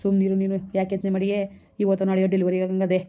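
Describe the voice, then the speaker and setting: Woman doing a reassuring young village husband, very fast, monotone, muffled lo-fi sound. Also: medium pitch, smooth, lightly acted. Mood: soothing. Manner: soothing, repetitive coaxing. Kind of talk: village skit acting.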